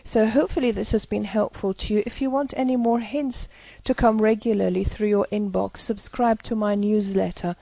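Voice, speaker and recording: A woman's voice: mid-range voice, steady tone, normal speed, vocal fry, few pauses. A woman talking casually to camera in a hesitant way, often restarting her sentences. Her voice is recorded dry and a little dull, with no room echo. The sound is slightly lo-fi. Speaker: EFT practitioner.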